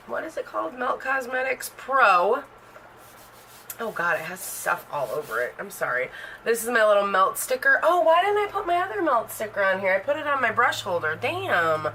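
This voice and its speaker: Her pitch sits fairly high, and her delivery is pushed and bright. A beauty vlogger in her thirties, she rambles casually about her makeup collection with lots of fillers, on a rough recording with slight background noise.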